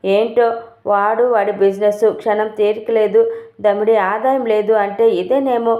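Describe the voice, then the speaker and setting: A woman's voice: mid-range voice, steady tone, normal speed, close to an everyday voice. A woman reading the lines of a sarcastic, nosy older father in a grumbling way, in a tinny, roomy recording.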